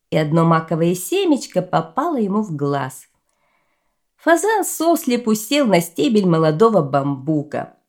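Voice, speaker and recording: A woman reading a children's fairy tale aloud as narrator, in an expressive storytelling manner. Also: lowish voice.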